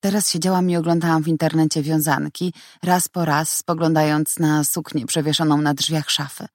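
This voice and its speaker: A young woman reads a first-person story aloud in a calm, even, measured way. Her voice sits low for a woman, and the recording is close and dry, with no room sound. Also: no room sound. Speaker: audiobook narrator. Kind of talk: first-person audiobook narration.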